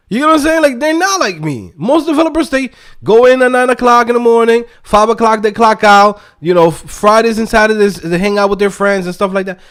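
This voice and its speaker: In a casual motivational rant aimed at his online viewers, a high-pitched man from the Dominican Republic lets his intonation swing widely. He's a YouTube host and developer coach whose emphatic, streetwise manner leans on slang and brief tag questions.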